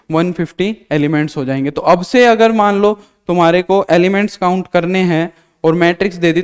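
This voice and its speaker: A man's voice: on the high side, a little mellow, smooth, big-room sound. A male maths teacher giving a live online lesson, drilling students with repeated questions and answers. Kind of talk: live online class lecture.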